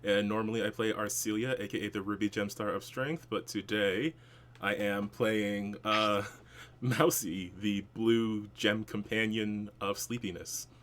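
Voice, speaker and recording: Lowish-voiced man in casual chat. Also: steady tone, measured pace, a bit bright. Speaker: tabletop show player.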